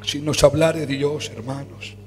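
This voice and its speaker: A man with a Spanish accent preaching a fervent sermon in a church, swinging from low murmurs to shouts. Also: level tone, slow pace. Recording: church hall reverb with faint music.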